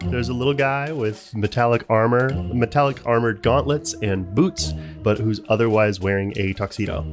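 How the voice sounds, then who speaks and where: A man runs a tabletop role-playing game, describing scenes off the cuff and calling for rolls. His voice sits at a middle pitch, with faint music behind it. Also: moderate pace. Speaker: game master. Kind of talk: improvised tabletop game narration. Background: background music.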